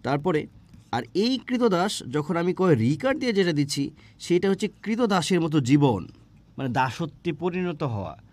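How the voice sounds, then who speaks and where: A man with a slightly high, somewhat mellow and very animated voice teaches an exam-prep grammar lesson. He poses questions and answers them himself, explaining slowly with lots of hesitant "ah" fillers and restarts.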